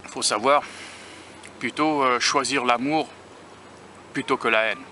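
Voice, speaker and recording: Medium-pitched and steady, the man talks in an unhurried way. He's a food-tasting vlogger from the United States, eating outdoors beside a beach near rail tracks and filming himself with a handheld camera or phone; his casual talk is musing and self-conscious, with frequent restarts, over outdoor traffic and vehicle noise.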